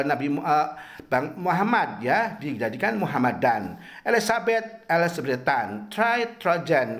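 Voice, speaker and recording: A middle-aged man lecturing university students on English grammar, repeating each example slowly and drilling them one by one. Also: a little high, a bit bright.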